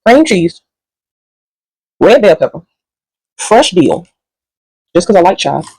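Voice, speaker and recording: A woman's voice: lowish voice, big pitch swings, slow, dark tone, husky, no room sound, rough recording. A woman doing a casual, rambling food review at home, sassy and sometimes talking while she eats.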